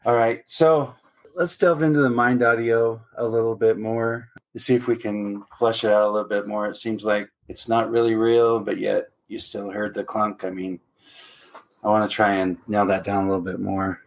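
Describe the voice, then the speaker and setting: A man's voice: on the low side, flat delivery, normal speed. A man hosting a podcast, asking casual interview questions and laughing often. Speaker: podcast host.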